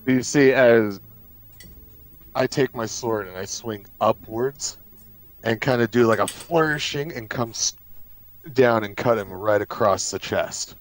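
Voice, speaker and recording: A man's voice: mid-range voice, unhurried, rough recording. A man playing in a tabletop game, talking in an easygoing, casual way. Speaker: player.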